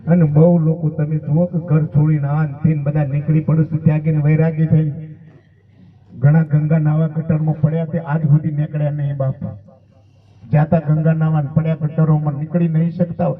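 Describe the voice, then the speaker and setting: A man preaches in an emphatic, storytelling way. His voice sits fairly high and sounds thin and tinny, like it is coming over a phone line. He also sounds a bit distant from the mic. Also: little pitch movement, normal speed. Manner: emphatic preaching, exhorting listeners to pay attention. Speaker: saint giving a satsang. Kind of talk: sermon with storytelling.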